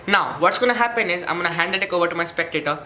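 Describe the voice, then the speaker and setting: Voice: medium pitch, very fast, pushed and bright, slight background noise. A presenter walking through a card trick step by step in an instructional way, often checking in with "okay". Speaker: magic tutorial presenter. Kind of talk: step-by-step demonstration and tutorial. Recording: roomy echo with faint music.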